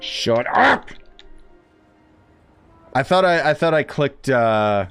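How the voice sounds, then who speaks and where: Over game music, a male streamer grumbles sarcastically and swears mildly while he plays, giving casual commentary. His medium-pitched voice is slow but very animated and a bit bright.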